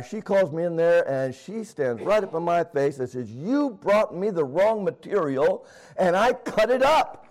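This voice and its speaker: A middle-aged man preaching and praying in a homespun way, often pausing on "uh" and restarting his sentences. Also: medium pitch, a little mellow, rough recording. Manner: homespun, fills pauses with "uh", restarts. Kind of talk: folksy sermon with prayer and personal story.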